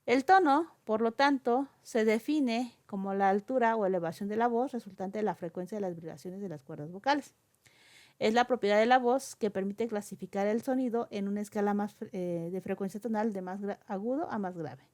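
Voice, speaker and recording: A woman's voice: mid-range voice, a little fast, darkish tone. A woman lecturing on oral communication, explaining step by step with frequent fillers and checking questions. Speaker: teacher.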